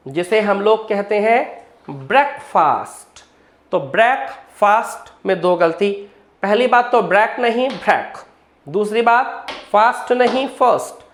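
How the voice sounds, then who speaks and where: Slow-speaking man teaching pronunciation. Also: sits high, echoey room. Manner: slow, drawn-out demonstrations of each word; quizzes listeners with repeated questions. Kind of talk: spoken English lesson.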